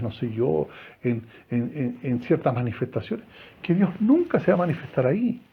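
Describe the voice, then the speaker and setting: Chilean priest with a lively, husky voice. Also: male voice, a little high, narrow, tinny audio. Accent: Chilean Spanish. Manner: conversational, asks the congregation questions. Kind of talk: homily. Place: chapel.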